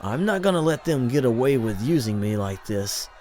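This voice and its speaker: A man's voice: mid-range voice, lively intonation, normal speed, a little mellow, a faint crowd, voice pushed up, close to an everyday voice. A man voicing a cocky, teasing hacker who speaks through a hidden audio link, in an audiobook reading. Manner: brash, teasing, slangy. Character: cocky young hacker voice, show-off, brash.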